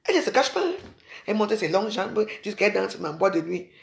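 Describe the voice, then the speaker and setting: A woman's voice: mid-range voice, sing-song, fast talker, gravelly. Chatty woman in an echoey room. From Cameroon. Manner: chatty, addresses viewers as sisters. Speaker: vlogger. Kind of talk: casual rambling monologue.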